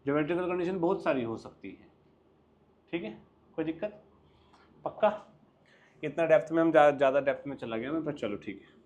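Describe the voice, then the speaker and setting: A young man with an Indian accent teaching a maths class, lively and coaxing, often quizzing his students. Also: on the high side, a little fast, pauses often. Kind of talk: classroom lecture mixing Hindi and English.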